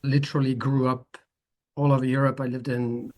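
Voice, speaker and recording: This relaxed conversational interview features a guest photographer from the Netherlands, a man in his fifties who talks at length. He rambles thoughtfully with many restarts, using a mid-range voice at a moderate pace.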